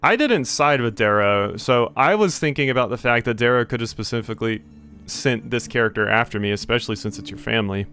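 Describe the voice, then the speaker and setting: A man's voice: medium pitch, fairly quick, pushed and bright, soft background music. A man casually narrating and commenting on a game playthrough, thinking aloud. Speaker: gaming video creator.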